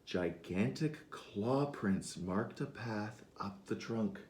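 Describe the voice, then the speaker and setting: Male author reading aloud, unhurried, expressive pitch, interactive story time. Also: slight background noise. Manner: animated, asks listeners to join in. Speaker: author reading his picture book. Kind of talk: interactive read-aloud for children.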